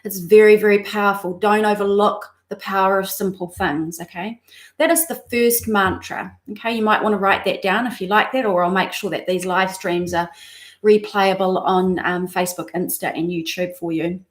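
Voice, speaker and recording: Woman mindset coach, mid-pitched and reassuring, guiding a breathing exercise on a live stream. Echoey room. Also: fairly even intonation, normal speed. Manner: reassuring, checks in with "okay?". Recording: roomy echo.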